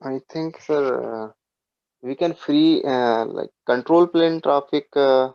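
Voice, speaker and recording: A man's voice: mid-range voice, slow, smooth, no echo. A man student answering hesitantly in an online class, with lots of fillers, on muffled call audio.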